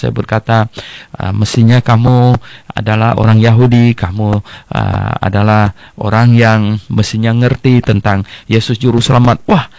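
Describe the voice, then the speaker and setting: A man's voice: mid-range voice, no room sound. An older man from Indonesia, a pastor teaching the Bible and telling stories, with frequent "ya" and "eh" fillers. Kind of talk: radio-style Bible teaching with anecdotes.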